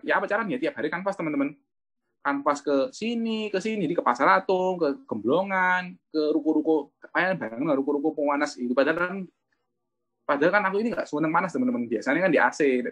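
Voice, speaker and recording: A man's voice: fairly high pitch, lively intonation, fast, fairly bright tone, husky. A man, an insurance agent giving a chatty motivational talk about his own experience and often addressing his listeners as friends.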